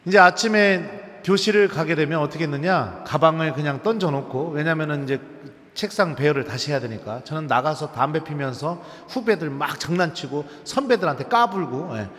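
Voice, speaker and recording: Man, priest, humorous storytelling lecture, slightly high voice, long cathedral reverb. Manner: lively humorous storytelling with quiz questions to the audience. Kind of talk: lecture to a live audience. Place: large cathedral.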